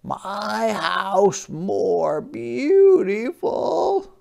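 A reader voicing a polite, gentle young male hermit crab in a storybook, with a slow, eager, wide-eyed delivery. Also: mid-range voice, big pitch swings, creaky, pitched above the performer's own voice, exaggerated voice. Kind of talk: storybook character voice.

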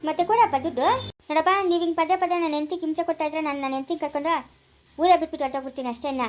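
A performer voicing an indignant young husband with a rural Karnataka Kannada accent, pleading and scolding rapidly in a cartoon family drama. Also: high-pitched, steady tone, natural voice.

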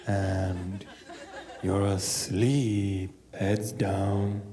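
A man playing a mysterious, commanding stage hypnotist, intoning in a slow, dreamy hypnotic manner into a handheld microphone. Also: low-pitched, little pitch movement, dark tone. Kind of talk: hidden-camera prank stage act. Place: comedy club stage.

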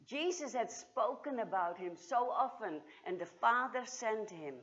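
A woman performing a dramatic first-person monologue as Mary Magdalene, moving between hushed and exultant, recorded in a church. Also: on the high side, animated, unhurried, lo-fi sound. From Australia. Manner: theatrical, swings from hushed to exultant. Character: Mary Magdalene, grieving then joyful woman.

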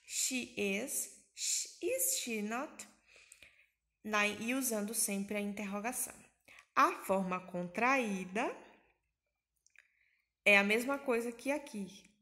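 A woman's voice: medium pitch, takes it slowly, pauses often, pushed and bright. A woman from Brazil with a Bahia accent, teaching an English grammar lesson in Portuguese, patiently repeating and translating each example.

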